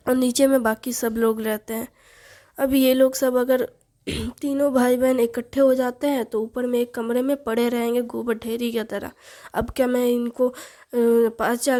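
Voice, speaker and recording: A woman voicing a bossy, loud middle-aged mother who scolds and teases her children. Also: a little high, lightly acted. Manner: scolding, teasing, commanding.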